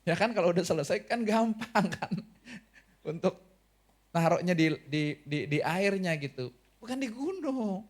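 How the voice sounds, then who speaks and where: A man preaching a sermon as pastor, lively and asking the congregation questions, with an Indonesian accent. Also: high voice, normal speed.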